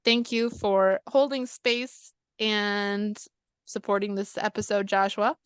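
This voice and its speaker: A woman hosting a podcast, talking in a heartfelt, expressive way about personal growth. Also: medium pitch, slow, clear, resonant tone, no room sound. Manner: heartfelt, expressive, animated in retold quotes. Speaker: podcast host. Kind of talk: casual podcast chat.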